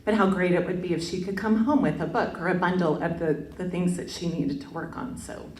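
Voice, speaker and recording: A woman's voice: fairly low pitch, a little fast, a little mellow, a little hiss or hum. A mother co-presenting an education project, speaking in a personal, conversational way. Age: adult mother. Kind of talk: answering questions at a pitch event. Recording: echoey room, mic from far off.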